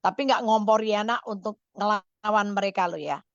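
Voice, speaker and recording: A woman counsels callers on the radio with a motherly, caring manner. Her voice sits at an ordinary pitch and sounds dry and close. The sound is dull and lo-fi. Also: moderate pace, dry recording.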